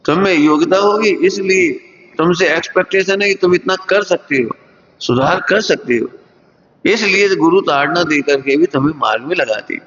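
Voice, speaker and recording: Male preacher, earnest sermon delivery, somewhat raised pitch, long hall reverb. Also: normal speed, a bit bright. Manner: earnest teaching tone with rhetorical questions. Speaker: Jain preacher. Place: lecture hall. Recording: dull recording in a reverberant hall.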